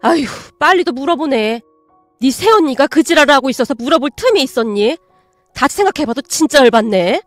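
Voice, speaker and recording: A woman's voice: sits high, expressive, a little fast, no echo, faint music behind. A woman voicing a blunt, furious older mother who scolds harshly. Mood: fuming.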